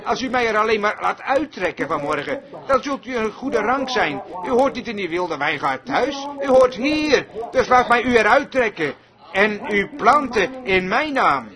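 A man's voice: high-pitched, very animated, normal speed, crowd noise. A man preaching a sermon to a congregation in a fervent, rhythmic cadence.

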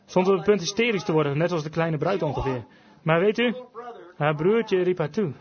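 A man preaching a fervent revival sermon, emphatic, switching between quick bursts and slow, drawn-out phrases. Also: fairly high pitch, a crowd in the background. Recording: dull lo-fi recording with congregation audible.

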